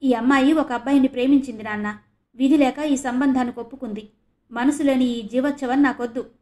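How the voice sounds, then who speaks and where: Brief: woman narrator doing a sincere, resolute young man, high-ish voice, audio novel. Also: steady tone, a little fast, warm tone, natural voice. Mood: earnest. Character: earnest young groom-to-be, plain-spoken.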